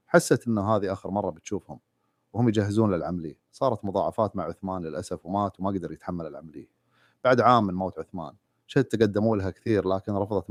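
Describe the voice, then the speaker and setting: Fast-talking deep-voiced male storyteller. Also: darkish tone, no room sound. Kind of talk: storytelling narration.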